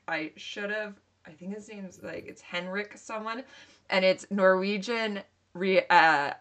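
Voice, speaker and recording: A woman's voice: fairly low pitch, pushed and bright. A woman co-hosting a casual book podcast, talking enthusiastically and filling her sentences with "like". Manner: enthusiastic, filler-heavy. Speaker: podcast co-host.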